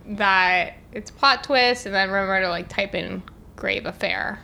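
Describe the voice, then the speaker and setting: Female co-host, casual chat, mid pitch with plenty of vocal fry. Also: unhurried, bright, forceful tone. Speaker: podcast co-host.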